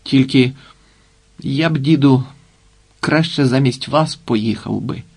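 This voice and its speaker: A man's voice: mid-range voice, slow pace, vocal fry, darkish tone, husky, full character voice. A man reading the part of a humble, willing male helper in an audiobook, in a mild, easygoing tone. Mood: obliging.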